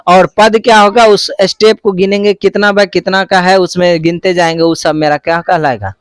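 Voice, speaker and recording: High-voiced male teacher. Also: steady tone, moderate pace, smooth, no echo, studio quality. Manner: call-and-response questioning, repeats answers. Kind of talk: classroom math lesson.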